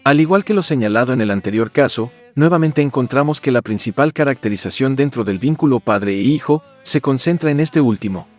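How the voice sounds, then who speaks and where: A man's voice: medium pitch, darkish tone. A man reading scripted, documentary-style narration in a formal, expository manner. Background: background music.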